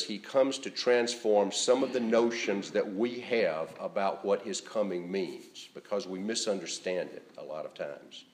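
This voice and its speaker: A man preaching a sermon, speaking in a measured, conversational way with frequent fillers and restarts. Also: on the low side. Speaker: pastor.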